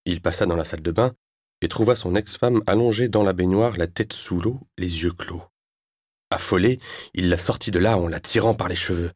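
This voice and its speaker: A man narrating an audiobook chapter in a measured, even reading. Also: deep voice, no echo, clean studio sound. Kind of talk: scripted narration.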